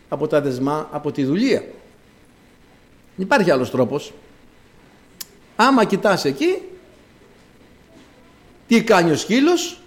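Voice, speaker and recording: A man preaching a sermon in an animated, emphatic way. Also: high-pitched. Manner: animated and emphatic, acting out quoted voices.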